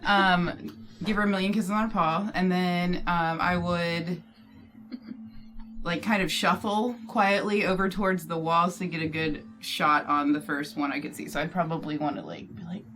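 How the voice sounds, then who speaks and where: A woman's voice: on the low side, steady tone, moderate pace, a bit bright, a little hiss or hum. A woman player describing her character's actions in a casual, jokey way. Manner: laughs often, jokey. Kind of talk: casual tabletop play.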